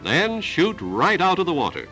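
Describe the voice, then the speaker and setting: A man narrating an old newsreel in a measured, declarative announcer delivery. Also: high voice, huge pitch swings. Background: music score.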